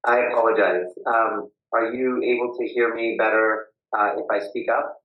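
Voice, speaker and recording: A man's voice: medium pitch, little pitch movement, normal speed. A man testifying as a witness over a video call, hesitant with many uhs and ums, his voice muffled as if talking into a can. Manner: hesitant, restarts with uh and um. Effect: muffled tin-can sound, as if talking into a can. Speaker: witness at a public hearing. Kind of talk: formal testimony with many fillers. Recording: echoey, dull lo-fi video call audio.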